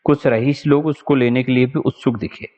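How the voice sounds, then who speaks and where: A man teaching an exam-prep lesson, telling an anecdote in a chatty, animated way. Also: mid-range voice, moderate pace, in a large hall, highs cut off. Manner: animated, chatty, laughs often.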